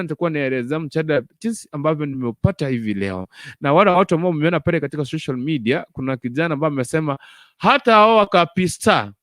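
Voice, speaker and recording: A man's voice: fairly high pitch, a bit bright, no echo, clean studio sound. A man with a Kenyan accent hosting an informal live online gospel show, repeating phrases and switching between English and Swahili as he addresses viewers.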